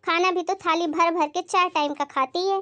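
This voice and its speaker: A woman's voice: extremely high pitch, fairly even intonation, normal speed, no room sound. A woman playing a nagging, scolding mother-in-law. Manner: complaining, sharp-tongued, self-righteous. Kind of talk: comedy skit acting.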